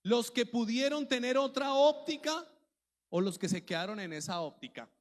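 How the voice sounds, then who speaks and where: A pastor's voice, sitting high for a man, preaching with lively, animated delivery. His sermon rings with the long reverb of a church hall, and he slips into quoted voices of anxious churchgoers. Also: moderate pace.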